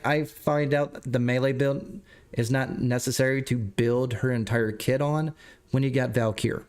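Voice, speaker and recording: A man talks through a live game stream in a loose, rambling way, often stopping to correct himself and talk to his viewers. His voice sounds stuffed up, at a middling pitch. Faint game music plays underneath. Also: a little mellow. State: stuffed up, clearing throat. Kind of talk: casual livestream commentary.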